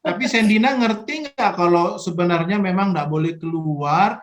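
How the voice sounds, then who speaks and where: A man's voice: sits high, normal speed. Coaxing man leading kids over an echoey call. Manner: coaxing, playful questioning of children. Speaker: Sunday school leader. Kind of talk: children's online worship Q&A. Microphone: video call.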